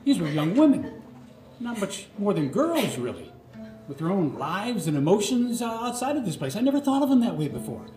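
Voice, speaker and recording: On a live radio theatre stage, a middle-aged storyteller performs a scripted autobiographical monologue, theatrical and earnest, phrase by phrase. His voice sits high and sing-song at normal speed, with a darkish tone and soft music behind him. The roomy theatre recording has clear background noise.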